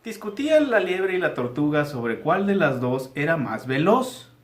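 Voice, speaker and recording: A man's voice: fairly high pitch, very animated, unhurried. A male teacher, reading aloud to young pupils in a patient, guiding way. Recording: echoey room.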